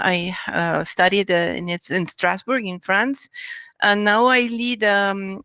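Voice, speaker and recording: A woman's voice: medium pitch, bright, forceful tone, clean tone, no echo. A middle-aged woman from Venezuela, a scientist answering interview questions thoughtfully, with frequent fillers and restarts. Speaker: scientist and research group leader.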